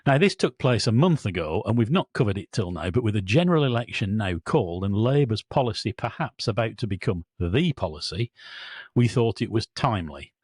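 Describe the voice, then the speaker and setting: A man's voice: on the low side, sing-song, brisk, darkish tone, slightly rough, no room sound, studio quality. A British man hosting a railway podcast, bantering and reading listener mail in a jovial, self-deprecating way. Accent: British English. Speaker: podcast host.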